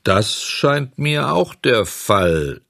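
A man voicing a calm, philosophical male dolphin with a hoarse voice. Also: mid-range voice, drawn-out words, dry recording, clean studio sound, voice pushed up, exaggerated voice. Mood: resigned.

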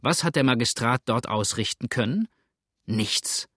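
A man's voice: mid-range voice, animated, a little slow, fairly bright tone, no room sound, clean studio sound. A man voicing a blunt, impatient frontier farmer who speaks brusquely and calls out heartily. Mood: unwilling.

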